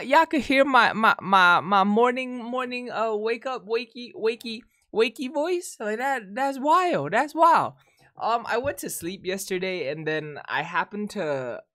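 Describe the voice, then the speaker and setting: A young man hosting a reaction vlog in a rough, just-woke-up voice, chatting casually in slang and repeating himself as he rambles. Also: sits high, sharp tone. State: rough morning voice. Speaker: reaction video host.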